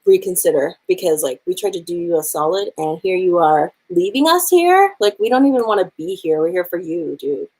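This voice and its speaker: A woman's voice: fairly low pitch, animated, fairly quick, hardly any pauses, a little mellow, slightly rough, rough recording. A woman voicing indignant young sisters who talk in a sassy, slangy way.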